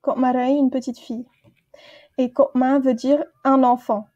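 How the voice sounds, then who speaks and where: Woman, language teacher, high voice, mellow tone, patient, repeats words, slightly dull recording. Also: level tone, a little slow. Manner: patient, repeats each word twice. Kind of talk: slow vocabulary lesson with repeated words.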